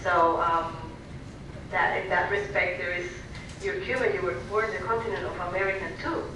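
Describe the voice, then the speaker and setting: A woman's voice: fairly low pitch, fairly even intonation. A woman from Venezuela, speaking earnestly as a panelist at a panel discussion and often restarting her sentences. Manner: earnest, halting with many restarts. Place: large hall at a public panel. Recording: distant echoey hall recording with noise.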